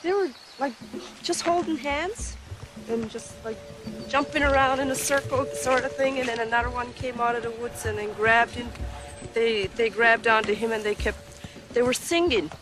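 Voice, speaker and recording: A woman in her thirties, interviewed with her mother, recalls a childhood memory casually and chattily, with small laughs. Her voice is a little high and moves at a moderate pace over music.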